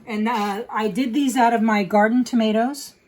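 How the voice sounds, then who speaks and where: A woman's voice: on the high side, steady tone, moderate pace, darkish tone, rough recording. A middle-aged woman hosting a casual home cooking demonstration, explaining each step in a chatty way with many fillers. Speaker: home cook host. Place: home kitchen.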